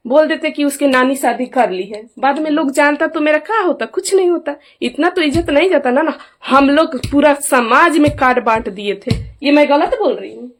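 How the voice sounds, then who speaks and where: Here a middle-aged mother with a high voice keeps up a moderate pace with few pauses. She airs a family grievance in a casual vlog, aggrieved and emphatic, constantly pressing the people nearby to support her.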